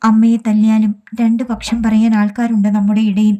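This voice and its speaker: A woman reading a composed, hushed woman mentor. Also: fairly high pitch, completely flat delivery, brisk, close to an everyday voice. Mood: hushed firm. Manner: hushed, firm advice.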